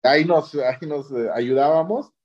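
A man with a Mexican Spanish accent and a fairly high voice speaks at a normal pace, sharing a personal story as an interview guest. He is an orthopedic surgeon, and he often ends phrases with questioning tags to check in. The audio is dull and lo-fi.

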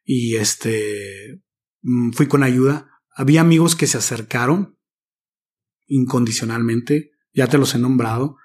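A Mexican man in his thirties, a guest in an interview, reflectively tells a personal story using casual slang. His medium-pitched voice is slightly rough and darkish, and he speaks at a measured pace.

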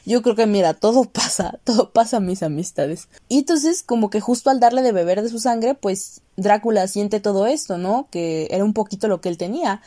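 A young woman with a Mexican accent rants through a casual vlog review, swearing freely and jumping up into sudden high outbursts. Her voice is dark and mellow, recorded dry and close with no room sound. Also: expressive, moderate pace, hardly any pauses, no room sound. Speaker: series reviewer.

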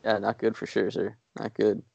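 A man co-hosting a podcast, chatting casually about sports in a rambling, self-deprecating way with halting restarts. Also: on the low side, little pitch movement, vocal fry, mellow, breathy edge, dry recording, muffled recording. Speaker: podcast co-host.

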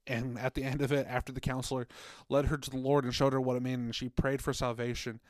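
A man's voice: mid-range voice, little pitch movement, fast talker, darkish tone. A man speaks in a mid-range voice, earnest and chatty as he retells a story for a faith podcast. The room sounds dry and close, with no echo. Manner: earnest, conversational, retells stories with acted quotes. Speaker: podcast co-host, former children's ministry worker.

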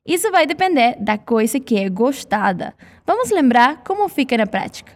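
A Brazilian woman teaching Spanish pronunciation in a scripted lesson, saying model words slowly for repetition. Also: sits high, big pitch swings.

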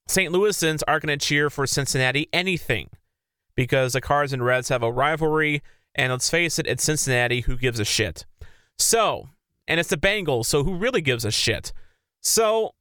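A man's voice: on the high side, expressive, normal speed, sharp tone, clean tone, no echo, clean studio sound. A man hosting a sports podcast, talking in an opinionated and rambling conversational way. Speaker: podcast host. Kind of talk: casual sports commentary.

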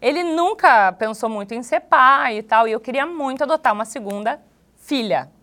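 A woman's voice: on the high side, expressive, normal speed, fairly bright tone. A Brazilian woman in her thirties, a podcast guest, talking frankly and casually with plenty of slang. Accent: Brazilian Portuguese.

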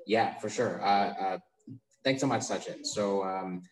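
A man's voice: lowish voice, measured pace, rough recording. A young man talking as a podcast guest about his company, often repeating words and restarting his sentences while he thinks. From United States. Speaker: podcast guest, startup founder. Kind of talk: casual interview conversation. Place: remote call from abroad.

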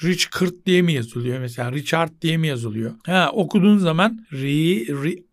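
A man's voice: fairly high pitch, expressive, fairly quick, no echo, studio quality. A man hosting a podcast on his own, giving casual advice. He asks himself questions, answers them, and repeats his key points. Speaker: podcast host and translator.

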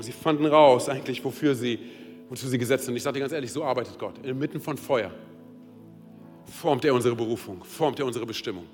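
A man preaching a sermon in a casual, direct way, often calling out to the listener and building to urgent peaks. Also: big-room sound. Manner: casual, direct, keeps saying hey and oder; builds to loud, high-pitched urgency. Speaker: pastor. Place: church service.

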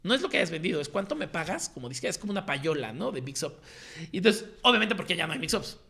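Slangy Mexican man, gravelly and bright. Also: high voice, quick pace. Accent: Mexican Spanish. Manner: slangy, animated, acts out quoted voices. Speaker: guest telling his story. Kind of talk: casual storytelling chat.

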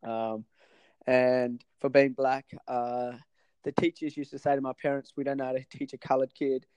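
A man's voice: medium pitch, level tone, darkish tone, clean tone, no room sound, rough recording. A man, a podcast guest talking casually with lots of fillers and restarts. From Sri Lanka. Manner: halting, many fillers and restarts. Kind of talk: casual interview chat.

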